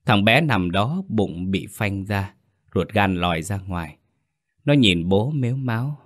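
A man reads a horror story aloud in a scripted, dramatic way. His voice sits deep and low. He tells the story in a measured pace. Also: lively intonation.

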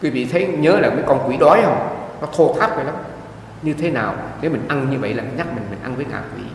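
A monk, giving a dharma talk in lively storytelling. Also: male voice, medium pitch, fast talker, slight background noise. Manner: lively storytelling, acting out quoted voices. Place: meditation hall. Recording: echoey hall from a distance.

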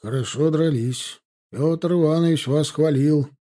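A man reading aloud, voicing a high-ranking general with a strong, sonorous voice addressing his troops. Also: unhurried. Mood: approving. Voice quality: loud, sonorous. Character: commanding old general greeting his troops. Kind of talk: audiobook character voice.

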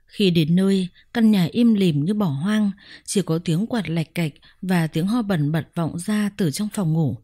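A woman narrates a first-person story in a measured, reflective way. Her voice sits on the low side and sounds mellow. The recording is close and dry, with no room sound. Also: dry recording.

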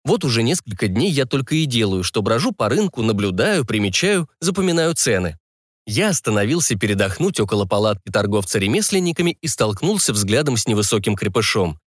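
A man narrating a fantasy audiobook in the first person, with an animated, wry way of telling it. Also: on the low side, brisk, no room sound, studio quality.

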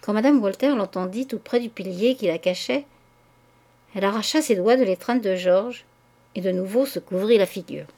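A woman narrating a classic novel as an audiobook in a measured storytelling voice. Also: mid-range voice, a little mellow. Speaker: audiobook reader.

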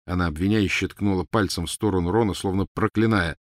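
A man narrating a storybook in an expressive reading. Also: low voice, quick pace, dry recording, studio quality. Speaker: reader. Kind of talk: audiobook narration.

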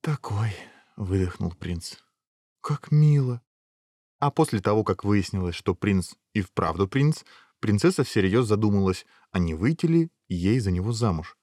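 A man's voice: fairly low pitch, animated, normal speed, darkish tone, dry recording. Man reading a fairy tale, dry close sound. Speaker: storyteller.

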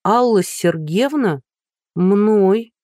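A woman's voice: mid-range voice, lively intonation, drawn-out words, mellow, no room sound, studio quality, pitched above the performer's own voice. A reader voicing a flustered, anxious blonde woman in her thirties, firing off nervous questions. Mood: alarmed.

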